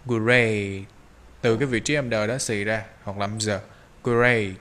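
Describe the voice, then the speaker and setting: A man teaching English pronunciation, drawing out slow model phrases between quick explanations. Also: fairly low pitch, fairly even intonation, fairly bright tone. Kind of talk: pronunciation lesson.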